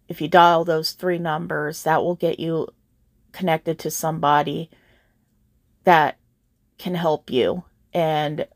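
A woman's voice: low voice, vocal fry, no room sound, studio quality. A woman voice actor hosting her own channel, earnestly speaking straight to her listeners in a casual update.

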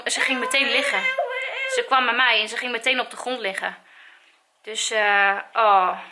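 A woman's voice: on the high side, bright, forceful tone. A Dutch woman in her thirties, a mother filming a family vlog, chatting to the camera and soothing her frightened dog. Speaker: vlogger, mother. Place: outdoors, then at home.

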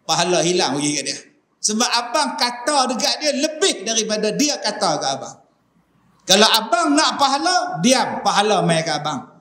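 A middle-aged male preacher with a Northern Malaysian accent, giving a lively mosque lecture and acting out quarrels. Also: high voice, moderate pace. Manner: animated, acts out quarrels in shifting voices. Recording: echoey mosque hall, faint noise.

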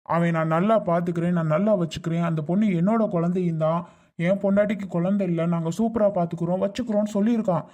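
A man's voice: high-pitched, steady tone, fast talker, warm tone. A man playing a pleading father-in-law. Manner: coaxing, insistent, repeats his pleas. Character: older man, father-in-law pressing a decision. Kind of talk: family drama skit.

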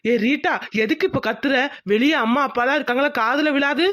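A worried young husband short of money, from a cartoon, voiced by a woman. He pleads with exasperation in a slightly high voice. The recording is dry. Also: brisk, fairly bright tone, dry recording. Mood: pleading. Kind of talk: cartoon voice acting.

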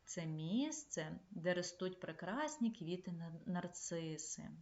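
Female primary teacher, remote lesson, measured delivery, roomy echo, slightly dull sound. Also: fairly low pitch, animated. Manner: clear, measured classroom instruction. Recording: echoey, slightly dull room recording.

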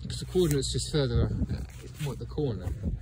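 A man's voice: medium pitch, animated, normal speed, noisy background. A man filming a casual outdoor walk-and-talk vlog on a phone, rambling with many ums and chuckles. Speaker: geocaching vlogger. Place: outdoors by a fence and bushes.

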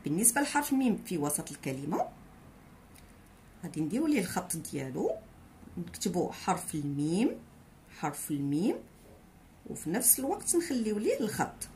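A woman with a Moroccan accent teaching handwriting, spelling letters aloud slowly and repeating each syllable. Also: mid-range voice, a little mellow, a little hiss or hum.

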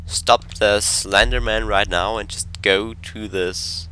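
A man's voice: fairly low pitch, steady tone, slow pace, pushed and bright, slight background noise. A man commentating his own horror game play, jumpy and talking to himself, sometimes dropping to a whisper when scared. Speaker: gameplay commentator.

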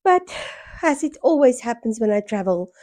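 A middle-aged South African woman with a hoarse voice worn by a cold, chatting casually in a home vlog. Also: medium pitch, moderate pace, darkish tone, no echo. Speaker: sewing vlogger. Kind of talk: casual vlog chat to camera. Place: small furnished room at home, indoors. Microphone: small microphone held near the mouth.

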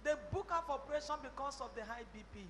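Fervent high-voiced Nigerian woman preacher. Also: racing, in a large hall, a little hiss or hum. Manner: fervent, swings between shouting and hushed. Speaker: prophetess leading a church testimony. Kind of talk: charismatic preaching.

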